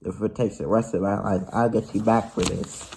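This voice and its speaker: A man's voice: fairly low pitch, fairly even intonation, normal speed, gravelly, darkish tone, a little hiss or hum. A man voicing a tiny, scheming one-eyed male creature who wheedles and grumbles. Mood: grumbling.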